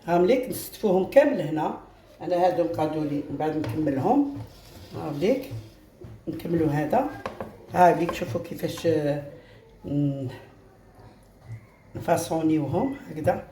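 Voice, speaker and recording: A woman with an Algerian Arabic accent talks viewers through a home recipe, chatty and repetitive. Her voice is low and mellow. She sounds roomy and echoey in her kitchen, with faint noise behind her. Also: animated, brisk, pauses often. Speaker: home cooking channel host. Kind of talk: casual step-by-step cooking demonstration.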